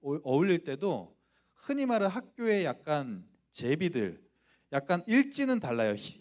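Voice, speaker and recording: Brief: male pastor from Gangwon, slightly high voice, animated storytelling sermon. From Gangwon Province, Korea. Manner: animated, acts out dialogue, speaks directly to the congregation. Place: church, Friday prayer meeting.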